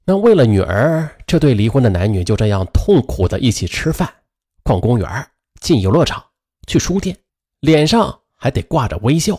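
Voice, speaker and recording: A male radio storyteller narrating a dramatized true story, speaking directly to his listeners. His voice is husky and a little breathy. His pitch rises and falls with animated swings. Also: normal speed. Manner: lively, addresses listeners directly.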